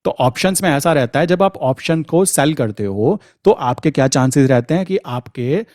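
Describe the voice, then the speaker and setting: A man's voice: on the high side, expressive, moderate pace, a little mellow, no room sound, clean studio sound. A man giving a casual, conversational trading lesson to viewers, often calling them brother. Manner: conversational, addresses viewers as brother, frequent "thik". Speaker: trading educator.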